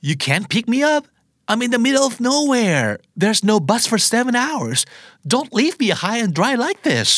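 A man's voice: very high voice, very animated, drawn-out words, fairly bright tone, no room sound, studio quality, pitched above the performer's own voice, exaggerated voice. A man voicing a stranded person who begs a friend not to leave him waiting, exasperated and pleading.

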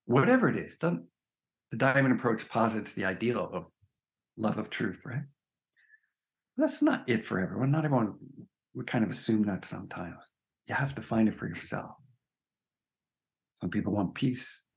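Low gravelly man teaching earnestly. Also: very animated, moderate pace, long pauses. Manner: earnest, emphatic, frequent "right?" tags. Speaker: guest, spiritual teacher. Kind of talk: reflective conversation.

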